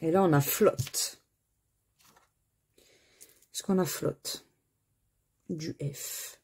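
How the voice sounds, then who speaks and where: A woman's voice: deep voice, extremely slow, vocal fry, darkish tone, slightly rough. A woman with a French accent chatting to viewers while she scratches crossword lottery tickets and reads out letters and words.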